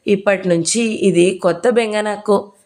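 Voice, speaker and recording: A woman's voice: medium pitch, fairly even intonation, unhurried, a little mellow, lightly acted. A woman voicing a timid, educated young bride who talks in a meek, apologetic way. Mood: amused.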